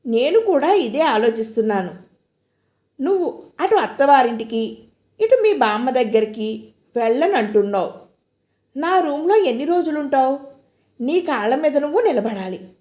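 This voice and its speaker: A woman voicing a young man who talks in a gentle, steady, reassuring way. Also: sits high, normal speed, long pauses. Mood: soothing. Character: young man, calm, caring friend. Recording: echoey room.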